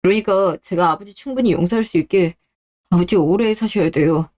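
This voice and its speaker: A man's voice: sits high, fairly quick, darkish tone, close to an everyday voice. A performer voicing a young adult son in a radio drama, who speaks firmly and earnestly to his father. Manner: firm, earnest. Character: grown son, firm but forgiving.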